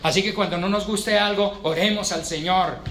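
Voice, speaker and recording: Male preacher, high bright voice, emphatic and chatty from the pulpit. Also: steady tone, normal speed, slight background noise. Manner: emphatic, conversational preaching with humor. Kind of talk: sermon. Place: church.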